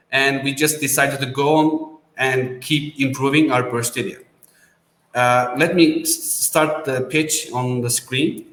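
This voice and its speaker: A man from Turkey pitching his design startup, speaking at a middling pitch with plenty of self-corrections and slightly non-native phrasing. The sound is roomy, with a long reverb trailing each phrase. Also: fairly bright tone. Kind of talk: business pitch.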